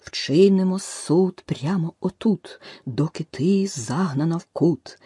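Woman doing a bullying dog in a verse tale, slow and menacing, dark husky tone. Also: fairly low pitch, no room sound, clean studio sound, heavily acted. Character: bullying male dog, judge and jury.

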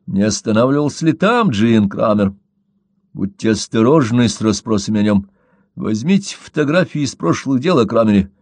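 A man's voice: fairly low pitch, animated, normal speed, a little mellow, dry recording. A man voicing a curt, commanding male boss who gives clipped orders, in a storybook reading.

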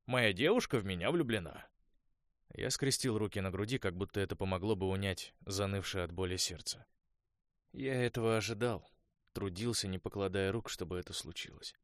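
A man narrating an audiobook in the first person in a steady, measured way. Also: deep voice, dry recording, studio quality.

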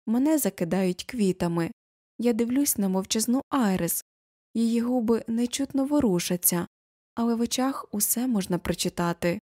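A woman narrating a children's novel as an audiobook, expressive, lifting her voice for the quoted characters. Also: on the high side, normal speed, no echo, clean studio sound.

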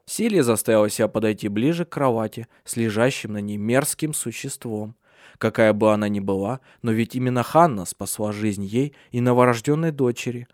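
A man narrating a novel as an audiobook in a steady, measured reading. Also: medium pitch, no room sound, clean studio sound. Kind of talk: scripted narration.

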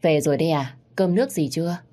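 A caring older servant woman speaks briskly and plainly, voiced by a woman narrator. Her voice is low, and her concern sounds matter-of-fact. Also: warm tone, close to an everyday voice.

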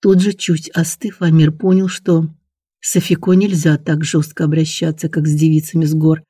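A male audiobook narrator with a fairly high but mellow voice. His reading is even and measured, and his pitch barely moves. The sound is dry and close to the mic. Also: slightly rough, no echo.

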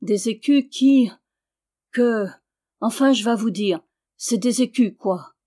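A woman with a slightly high, dark-toned voice slowly performs an audiobook role: a timid young male peasant suitor who stammers and speaks humbly in country fashion.

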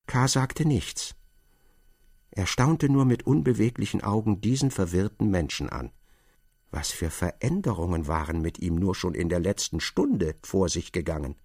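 A man narrating a literary novel in a measured, expressive storytelling manner. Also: sits low, breathy edge, dry recording, clean studio sound.

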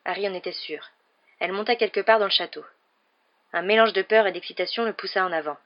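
A woman reads a storybook aloud in a calm, steady voice at an everyday pitch. The recording sounds dull and somewhat lo-fi. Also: fast. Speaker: storybook reader. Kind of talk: reading a novel aloud.

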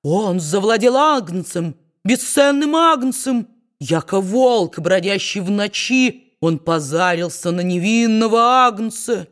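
A woman reading a storybook and voicing a fiery male preacher who shouts slow, drawn-out denunciations. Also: mid-range voice, animated. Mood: ranting. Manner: loud, drawn-out denouncing.

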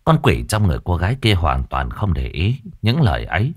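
A male storyteller, spinning a comic ghost tale in a colloquial, expressive voice. His pitch moves in lively swoops, and the sound is dry and close. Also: fairly quick, breathy edge, no echo.

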